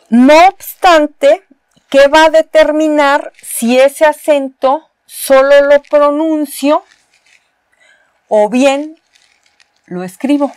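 This is a recorded university spelling lesson at a board, given by a Mexican woman with a high-pitched, darkish voice. She patiently explains each step and repeats key words, with no room sound audible.

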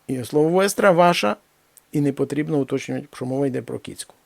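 Man teaching a language lesson, fairly high gravelly voice, slow careful examples, dry close sound. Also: no room sound. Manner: slow, deliberate reading of examples, then explains. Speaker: Spanish teacher.

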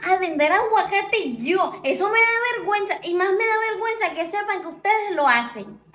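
A woman's voice: extremely high pitch, expressive, normal speed, a bit bright. A woman playing a defiant, bratty teenage daughter hooked on her phone, in a home drama video.

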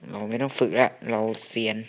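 A man casually commenting on his gameplay, chatty and quick to exclaim and swear at the game. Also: fairly bright tone. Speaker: gameplay video host. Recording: faint background noise with clicks.

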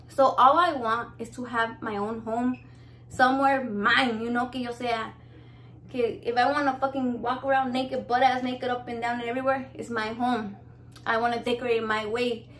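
A woman's voice: a little high, fairly bright tone, a little hiss or hum. A young Mexican American woman hosting a cooking channel, chatting brashly to camera, swearing constantly and slipping into Spanish. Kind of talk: casual profane chat to camera.

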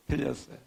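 A middle-aged male pastor preaching a sermon, joking with the congregation and telling funny stories. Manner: joking, animated storytelling.

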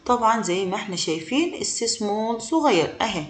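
A woman with an Egyptian Arabic accent teaching beginner English. She speaks patiently and repeats each word slowly for learners. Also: mid-range voice, lively intonation, roomy sound. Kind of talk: beginner language lesson.

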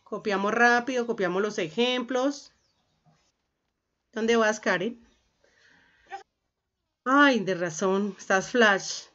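Over a video call, a woman primary school teacher leads an online class, patiently dictating slowly and calling her pupils "mis amores." Her voice is mid-range and sharp, with lo-fi sound.

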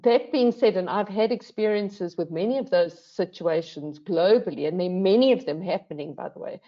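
A mellow, fairly low voice at a moderate pace comes from an older woman who is a panel guest. Her reflective talk is earnest and emphatic, full of self-posed questions and added "right?"s, captured in dull lo-fi video call audio.

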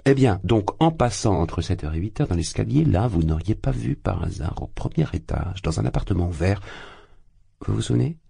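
A man's voice: lowish voice, animated, normal speed, gravelly, mellow, slightly rough, no room sound, studio quality, pitched above the performer's own voice, full character voice. A man voicing a sly, affable magistrate who talks with chatty, feigned good humor. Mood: jovial. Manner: jovial, chatty, feigned bonhomie. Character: affable sly middle-aged male magistrate.

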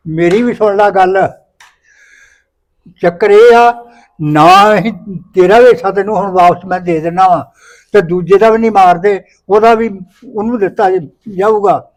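A man's voice: high-pitched, normal speed, natural voice. A man with a Punjabi accent playing an aging village father, lamenting fate and laying down family terms. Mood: firm.

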